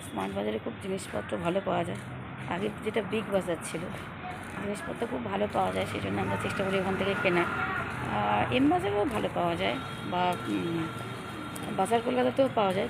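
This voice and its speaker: A middle-aged woman with a hoarse voice, chatting casually to her viewers in a lifestyle vlog while out near home. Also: mid-range voice. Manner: chatty, addresses viewers directly. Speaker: lifestyle vlogger. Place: out and about near home and shops. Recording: loud background noise.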